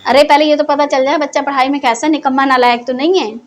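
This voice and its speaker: A woman with a high voice teaching the Bible in a chatty, informal way. She keeps throwing questions at her listeners and answers them herself. Her tone is that of a teacher gently scolding the class. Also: fairly even intonation, fast, a little hiss or hum. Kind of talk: Hindi Bible teaching talk.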